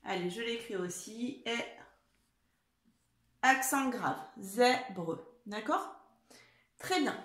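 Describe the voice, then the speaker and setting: A woman's voice: on the high side, lively intonation, unhurried, a bit bright, reverberant. A woman teaching a spelling lesson to young children, patient and encouraging, often checking in with the class. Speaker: primary school teacher. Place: room at home.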